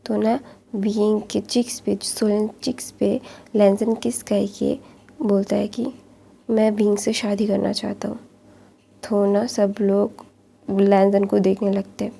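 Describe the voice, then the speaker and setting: A woman's voice: mid-range voice, creaky, dark tone. A woman casually retelling a fan fiction story aloud in a chatty, loose style full of filler words.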